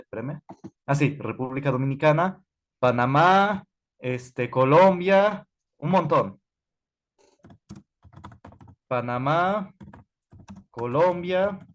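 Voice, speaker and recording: A male history teacher, lecturing an online class in a conversational way, with many fillers and self-corrections. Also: on the high side. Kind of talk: online class lecture while typing notes.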